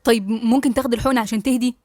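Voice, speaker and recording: A woman's voice: a little high, fairly even intonation, rapid-fire, dark tone, no room sound, studio quality, lightly acted. A woman with an Egyptian accent reading a hesitant, polite male doctor. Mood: careful. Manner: careful, polite.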